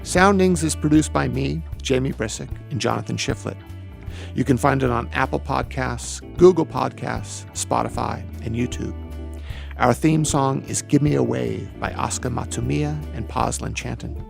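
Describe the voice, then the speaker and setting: Gravelly-voiced male podcast host. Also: mid-range voice, soft background music. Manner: quiet affirmations, measured questions. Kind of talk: interview and scripted outro.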